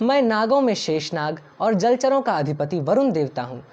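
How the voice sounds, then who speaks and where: एक महिला जो धार्मिक श्लोकों को गाकर पढ़ती है और फिर उनका अर्थ शांत, नपे-तुले ढंग से पढ़कर सुनाती है।. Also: female voice, mid-range voice, big pitch swings, normal speed, darkish tone. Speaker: scripture reciter and translator. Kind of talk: chanted verse recitation with read translation. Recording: dull lo-fi recording over faint instrumental music.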